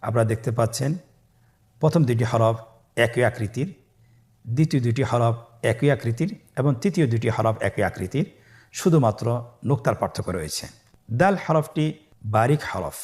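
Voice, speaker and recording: A man's voice: mid-range voice, expressive, darkish tone. Patient Bangladeshi Quran teacher, man. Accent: Bangladeshi Bengali. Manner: patient, slow drilling, stretching each letter. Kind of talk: recitation lesson for beginners.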